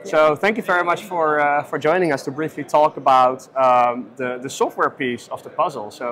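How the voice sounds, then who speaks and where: A man in his thirties hosts an interview at a busy trade-fair booth. He sounds upbeat and promotional and checks in with quick tags. His voice is picked up close on a lapel mic. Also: fairly high pitch, fairly even intonation, a bit bright.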